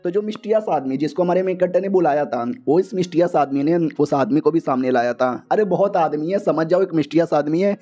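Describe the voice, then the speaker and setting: A man's voice: a little high, fast talker, few pauses, mellow. A young man casually narrating a comic story recap in a chatty, slangy way.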